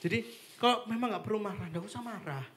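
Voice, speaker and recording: High-voiced chatty man preaching. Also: fast talker, a little hiss or hum. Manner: chatty, animated storytelling with frequent fillers. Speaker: devotional speaker. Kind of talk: casual devotional talk. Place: apartment meeting room with live and online audience.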